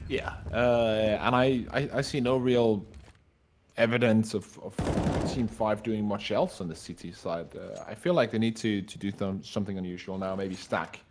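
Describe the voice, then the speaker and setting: An esports analyst, a man with a husky, deep-sounding voice, talks through the match in a halting, thoughtful way. He is on an online voice call with some background noise of clicks and game gunfire. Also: fairly even intonation, darkish tone. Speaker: esports co-commentator. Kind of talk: live esports commentary and banter. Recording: noisy voice chat with clicks, gunfire.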